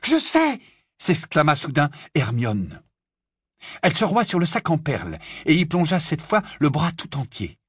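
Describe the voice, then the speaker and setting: An expressive storyteller reading an audiobook aloud. The voice is husky and moves freely in pitch. The recording is dry and close. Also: no echo. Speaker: audiobook reader. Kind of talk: audiobook narration.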